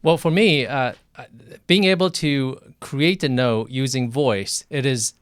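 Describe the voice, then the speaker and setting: A middle-aged man hosts a live interview in a smooth, resonant voice of ordinary pitch, speaking unhurriedly. Thoughtful and conversational, he often repeats himself. The sound is close and dry, with no room around it.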